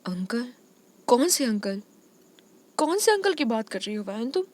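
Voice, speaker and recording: A woman voicing a caring young man who calms and reassures a crying girl. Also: fairly high pitch, moderate pace. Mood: soothing. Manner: soothing, reassuring. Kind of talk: dramatic storytelling.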